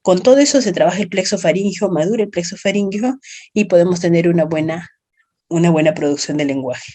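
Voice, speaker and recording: A woman's voice: lowish voice, brisk, mellow. Peruvian woman lecturing a class. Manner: explanatory, checks understanding with tags.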